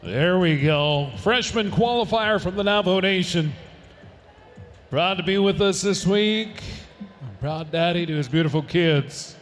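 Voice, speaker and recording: A man's voice: high-pitched, unhurried, faint music behind. A man announcing a rodeo live, calling the runs with rising energy and reading sponsor and event notices. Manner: energetic, swells to shouts on runs.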